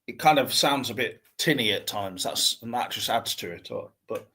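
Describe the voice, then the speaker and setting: A middle-aged man talks casually with a husky, slightly low voice. He is hesitant and thoughtful, rambling his way through each point as a co-host. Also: lively intonation, normal speed, pushed and bright. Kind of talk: casual chat.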